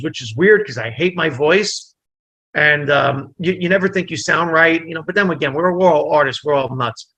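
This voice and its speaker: A New Jersey comedian, whose first language was Italian, tells a lively story as a guest in a casual interview. His voice is bright and forward, a little higher than most men's, and he acts out every character's dialogue. The audio sounds dull.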